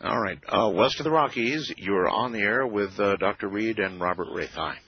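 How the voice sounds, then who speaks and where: A man hosting a late-night call-in radio show with a smooth radio-host delivery, relaxed and conversational, pausing on "uh" now and then. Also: lowish voice. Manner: relaxed, conversational, with frequent "uh" pauses. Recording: muffled radio broadcast with faint music.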